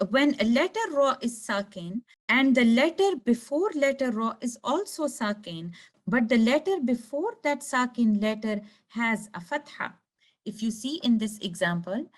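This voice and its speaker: A woman with a slightly high voice gives a recorded recitation lesson. She explains each rule step by step. She slows down to sound out single letters with care. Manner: slow, careful demonstration of letter sounds. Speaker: tajweed teacher.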